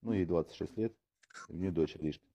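Lowish mellow-voiced guy, rambly recruiter chat, lots of um and like. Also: fairly quick, breathy edge, muffled recording. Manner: rambling, full of fillers and joking asides. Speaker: recruiter for online hosts. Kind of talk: casual phone chat.

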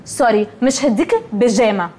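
A woman's voice: fairly high pitch, a little fast, a little mellow, natural voice. An actress playing a haughty, spoiled young woman who brushes others off and drops English words into Egyptian Arabic. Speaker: Nelly, comic film character. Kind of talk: Egyptian comedy film acting.

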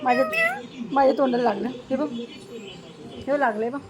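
A woman's voice: high voice, normal speed, very noisy. A woman filming a casual home vlog in her kitchen, talking to her pets in fond baby talk. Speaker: home vlogger. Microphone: handheld phone.

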